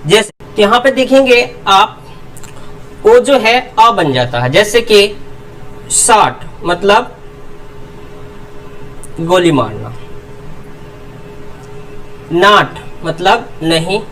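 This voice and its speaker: Slow, lively-pitched teacher drilling words. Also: far from the mic, poor audio. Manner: repeats rhetorical questions and answers them itself; drills word pairs slowly, word then meaning. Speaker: English pronunciation teacher. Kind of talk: explanatory lesson.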